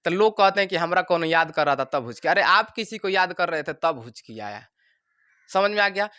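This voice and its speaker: A man teaching a science class, animated and joking, acting out the parts of the body as little characters and checking again and again that the students follow. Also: high voice, normal speed, clean tone, no echo. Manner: keeps asking if students understood. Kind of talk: classroom lecture.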